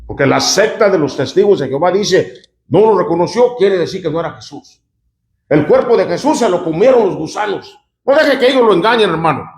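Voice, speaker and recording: Pastor preaching in an echoey room. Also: male voice, high-pitched, animated, fairly quick, vocal fry, a little hiss or hum. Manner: conversational, often asks the congregation "¿verdad?" and "¿cuántos dicen amén?". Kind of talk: sermon reading scripture aloud with commentary.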